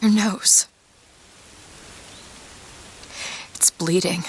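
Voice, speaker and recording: A woman's voice: on the low side, fairly even intonation, measured pace, heavy background noise. An actress playing an earnest, urgent young woman companion in an adventure video game. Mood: troubled. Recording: loud music over the voice.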